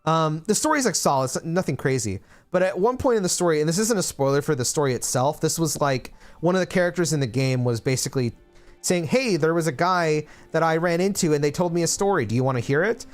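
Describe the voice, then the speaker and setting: Late 20s guy streaming, kinda high voice, rambly and thoughtful, music faint behind. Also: animated, fast talker. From Philippines. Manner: rambling, reflective, many fillers and restarts. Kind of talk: casual livestream chat.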